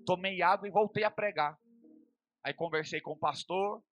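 A young man delivers a testimony sermon in a high, bright voice. He swings between loud, fervent preaching and quiet, intimate storytelling. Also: normal speed, muffled recording. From Brazil.

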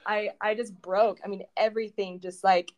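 A woman shares her faith testimony in a relaxed interview, speaking in an ordinary mid-range voice. She is earnest and halting, circling back over phrases and filling gaps as she goes. The sound is dry and close, with no room echo. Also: mid-range voice. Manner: earnest, halting, full of restarts and fillers. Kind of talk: personal conversational testimony.

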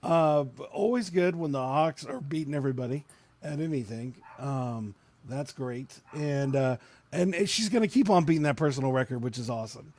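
A podcast host with a scratchy, medium-pitched, darkish voice runs a casual live-stream chat at a moderate pace. He's chatty, laughs often, and fills his talk with fillers.

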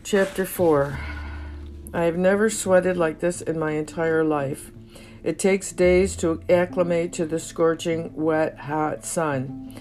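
A woman reading her own memoir aloud, reflective and emotional, lingering over poetic phrases. Soft guitar plays faintly behind her voice. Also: sits low, fairly even intonation, slow. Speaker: narrator.

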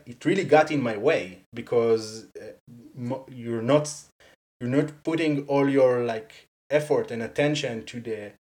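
A medium-pitched guest chats casually in an interview, using English as a second language after Hebrew with an Israeli accent. Their talk is animated, punctuated by quick laughter, frequent "like," and restarted sentences.

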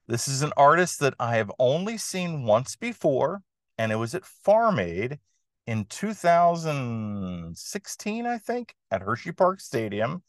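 A man's voice: medium pitch, very animated, unhurried, no room sound, clean studio sound. A man hosting a music podcast, giving an enthusiastic review monologue with emphatic, dramatic phrasing.

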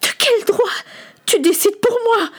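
A woman's voice: very high voice, measured pace, voice pushed up. A woman doing a furious tearful young boy. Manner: shouting, sobbing outbursts.

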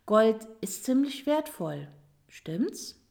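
Woman doing a storybook rat, greedy, sly, musing, soft-spoken. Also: fairly high pitch, sing-song, extremely slow, gravelly, heavily acted.

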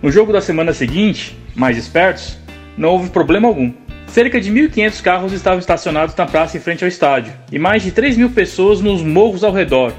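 A Brazilian man delivers scripted history narration for a podcast segment. His voice is high and he talks quickly over faint music. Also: lively intonation.

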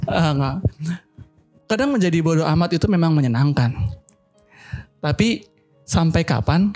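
A man's voice: a little high, animated, moderate pace, a little mellow, soft background music. A man who cannot pronounce his r's properly, chatting casually as a podcast host.

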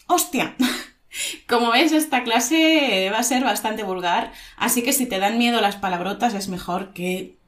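A woman with a Spanish accent from Spain, teaching a language lesson in a lively, emphatic way and drawing out her examples to show intonation. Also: fairly high pitch, measured pace.

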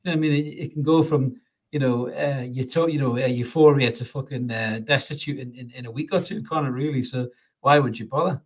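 A man's voice: medium pitch, fairly even intonation, brisk, breathy edge. A man hosting a casual football podcast, chatty, laughing often and swearing freely. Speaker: podcast host.

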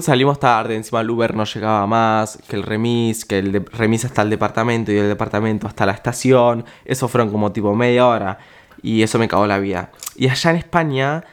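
A man's voice: fairly low pitch, clear, resonant tone. A young man with an Argentine accent tells a travel story as a podcast host, chatty and slangy, swearing and filling gaps with small words. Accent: Argentine Spanish. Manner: chatty, slangy and profane, with lots of filler words. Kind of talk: casual storytelling monologue.

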